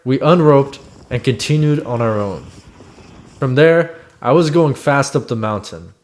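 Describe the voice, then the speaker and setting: A man with an average-pitched voice delivers scripted voice-over narration. He tells his own expedition as a reflective first-person story. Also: lively intonation, unhurried.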